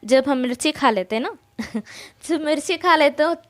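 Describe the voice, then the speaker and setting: A woman teaching Quran reading, who patiently explains each letter and recites slowly in long drawn-out sounds. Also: high-pitched. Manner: explains step by step, often checks in. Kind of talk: patient spoken lesson.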